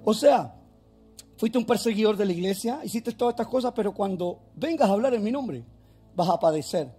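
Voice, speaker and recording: A man's voice: sits high, lively intonation, brisk, dark tone, breathy edge, faint music behind. A male pastor preaching a fervent sermon in a church, firing off rhetorical questions.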